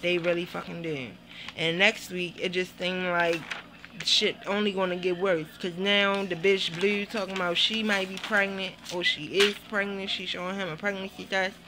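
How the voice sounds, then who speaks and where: A woman reviewing a TV show in a casual vlog, blunt and animated, cursing freely as she talks. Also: lowish voice, normal speed, noisy background. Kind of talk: casual profane vlog commentary.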